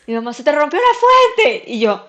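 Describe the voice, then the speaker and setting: A young woman sits in as a podcast guest and talks about her own experience in a casual, lively way. Her voice sits a little high. She acts out the dialogue of the people in her story. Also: fairly quick. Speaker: podcast guest, first-time mother.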